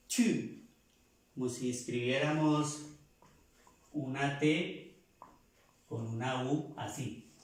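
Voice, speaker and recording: A man's voice: medium pitch, darkish tone, recorded from a distance. A man teaching a language lesson, explaining pronunciation patiently and repeating each sound several times. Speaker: French teacher. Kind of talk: slow classroom explanation. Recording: echoey room, voice from off-mic.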